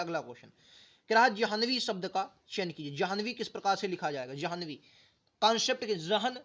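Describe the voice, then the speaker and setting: A man's voice: high-pitched, a bit bright, lo-fi sound. A male teacher giving an exam-prep grammar lesson, sounding words out syllable by syllable and asking the students questions again and again. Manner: drills words aloud, repeats them syllable by syllable.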